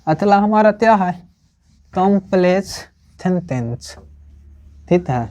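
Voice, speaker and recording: A teacher giving a grammar lesson, explaining slowly and checking in with the class after almost every phrase. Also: medium pitch, expressive, mellow. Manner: slow, repetitive, checks with "ठीक है ना?" often.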